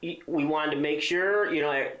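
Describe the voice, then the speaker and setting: A man co-hosting a podcast, teasing his partner and talking in halting starts and restarts. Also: fairly high pitch, a bit bright. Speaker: podcast co-host. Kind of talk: casual chat. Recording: roomy echo.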